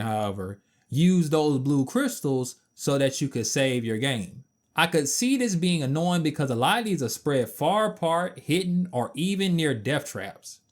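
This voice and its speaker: A man in his twenties giving a casual, opinionated game review with blunt, emphatic asides. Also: fairly high pitch. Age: 20s.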